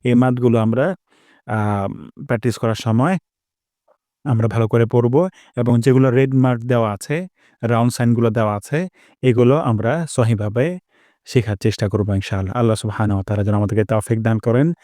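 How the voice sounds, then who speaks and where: Guy teaching quran pronunciation, medium voice, repeats every sound, chants the examples real slow, dry sound. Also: mid-range voice, dark tone, no room sound. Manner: slow drawn-out chanted demonstrations between quick explanations; patient and repetitive, drilling each sound. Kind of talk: spoken lesson on Arabic pronunciation.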